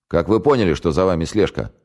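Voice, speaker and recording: A man's voice: sits low, expressive, fast talker, darkish tone. A man voicing a sardonic commanding major. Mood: wry. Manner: barking orders, wry and scornful. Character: commanding, sardonic male senior security major.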